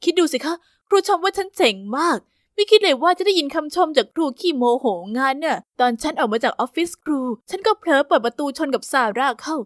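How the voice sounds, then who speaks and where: A woman narrating a first-person story with a steady, even storytelling delivery. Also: high-pitched, a little fast, no room sound, clean studio sound.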